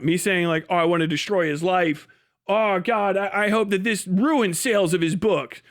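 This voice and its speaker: A man with a high, fairly bright voice hosts a livestream, riffing off the cuff. He's emphatic, argumentative and repetitive, swearing casually.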